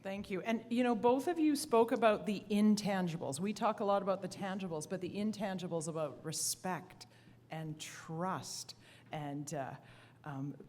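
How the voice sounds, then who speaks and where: A woman's voice: fairly low pitch, a little mellow. A woman moderating a conference panel, thanking speakers and passing questions along. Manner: appreciative, rephrases and hands off questions. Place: conference hall. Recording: reverberant conference hall.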